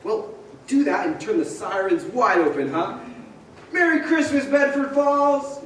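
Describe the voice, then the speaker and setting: A male actor plays an elated, frantic family man who exclaims everything with breathless joy. His pitch is high and swings widely. It is a stage radio play, caught from a distance in a very echoey hall. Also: lively intonation, a little slow. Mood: giddy joy. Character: George Bailey, overjoyed, frantic family man given back life. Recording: roomy theater stage, distant mic, faint noise.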